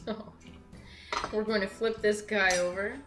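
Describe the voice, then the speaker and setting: A young web cooking show host works with her hands at a large kitchen counter, keeping the chat upbeat and casual. Her mid-range voice is steady and unhurried, and the echoey room carries light background music.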